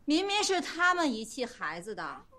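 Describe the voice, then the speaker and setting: A distraught female doctor in a TV drama. Her voice sits high and swings widely, bright and forceful as she pleads and flares up. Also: big pitch swings, moderate pace, full character voice. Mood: indignant. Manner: emotional, pleading then shouting. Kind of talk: TV drama acting.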